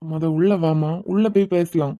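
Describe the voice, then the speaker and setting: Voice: medium pitch, fairly even intonation, dark tone, dry recording, dull audio, close to an everyday voice. A voice actor playing a bewildered young husband in a cartoon, pleading with his crying wife. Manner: confused, pleading, quick-talking.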